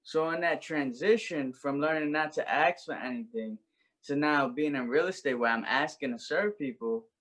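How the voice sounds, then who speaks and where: This young man from Brooklyn, New York speaks at normal speed in a fairly high, slightly bright voice. He's a podcast guest recounting his life story in an interview, earnest and reflective.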